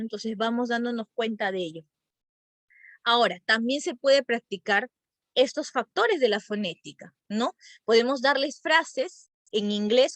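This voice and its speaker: A woman's voice: on the high side, fairly bright tone, dry recording. A middle-aged woman teacher giving a workshop lecture, explaining step by step and often checking in with tag questions.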